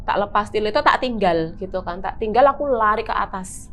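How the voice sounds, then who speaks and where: Lively Javanese woman telling a spooky tale. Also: mid-range voice, brisk, a little hiss or hum. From Semarang, Central Java, Indonesia. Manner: animated, vivid retelling with many fillers. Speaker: guest telling a personal horror story. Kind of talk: casual storytelling chat.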